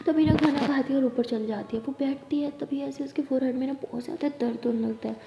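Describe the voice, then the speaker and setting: Woman storyteller, casual conversational narration, fairly high voice, echoey room. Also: fairly even intonation, fast talker, creaky, noisy background. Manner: conversational, plain. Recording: roomy, dull lo-fi.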